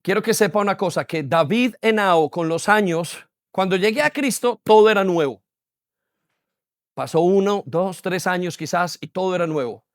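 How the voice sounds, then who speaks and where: High-voiced pastor preaching emphatically. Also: male voice, lively intonation, normal speed, no room sound, clean studio sound. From Colombia. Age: 40s. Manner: emphatic preaching with repetition and rhetorical questions. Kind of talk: sermon. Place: church hall.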